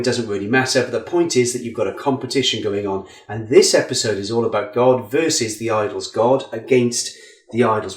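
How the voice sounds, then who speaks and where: A man giving an earnest Bible teaching talk as a preacher, lifting his voice for emphasis. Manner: earnest, rising in pitch for emphasis. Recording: echoey room.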